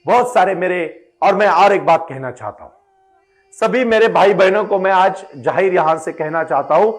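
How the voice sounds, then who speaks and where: A man giving an emphatic devotional motivational address, building into fervent exhortation. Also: medium pitch. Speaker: motivational spiritual speaker.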